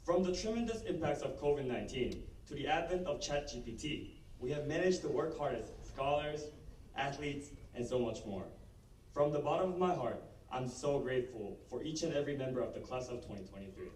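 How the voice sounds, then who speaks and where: A man's voice: medium pitch, lively intonation, a little fast, a little mellow. Echoey podium speech by a young man. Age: teens, about 18. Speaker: student commencement speaker. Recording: echoey, distant microphone, background noise.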